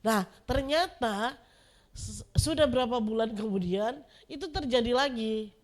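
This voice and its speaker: A woman's voice: a little high, unhurried. A woman from the audience telling a story and asking the speaker a question, hesitant and full of fillers.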